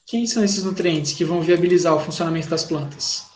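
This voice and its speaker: A man's voice: fairly high pitch, fast. A man with a Brazilian Portuguese accent teaching an online class, speaking informally and checking in with his students. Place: home, video call. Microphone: computer mic on video call. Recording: echoey room, noisy call audio.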